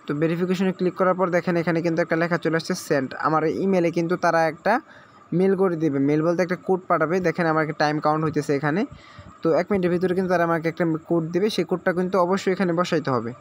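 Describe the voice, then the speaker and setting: A male tutorial host, his voice a little high and steady, rushes through an app sign-up in a screen recording with slight background noise. He goes step by step, repeating himself, checking in often, and dropping English words into his speech.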